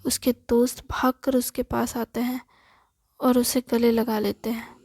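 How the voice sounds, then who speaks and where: Slow, soft-spoken woman storyteller. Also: on the high side, level tone, slightly rough, no echo. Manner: soft, half-whispered reading. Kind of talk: storytelling narration.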